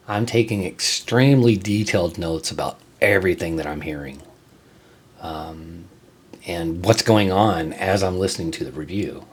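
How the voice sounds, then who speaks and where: A music show host and reviewer talks alone in an unscripted, conversational way, his voice fairly low and husky. He stumbles and repeats words as he goes, then leans hard on his key points.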